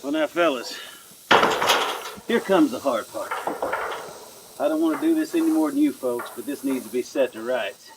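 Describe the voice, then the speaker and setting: A man's voice: on the high side, huge pitch swings, normal speed, vocal fry, long pauses, noisy background, full character voice. A man playing a menacing mob preacher. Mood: preaching. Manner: preachy, rousing, scornful. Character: menacing rural preacher leading a lynch mob. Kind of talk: film drama acting.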